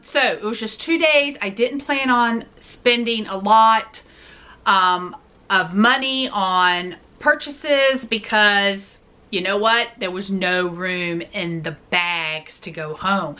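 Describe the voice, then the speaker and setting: A woman in her forties chats through a shopping haul on her own channel. Her voice sits at a middling pitch with a bright, crisp edge. She jokes and speaks straight to her viewers in a relaxed, talkative way. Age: 40s. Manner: chatty, jokey, talks straight to viewers. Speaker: vlog host. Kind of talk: casual shopping haul chat.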